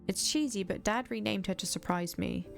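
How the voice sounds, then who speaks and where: A woman streamer reading the lines of a gentle young woman in a story game, in a soft, confiding way. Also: mid-range voice, normal speed, creaky, soft background music, natural voice.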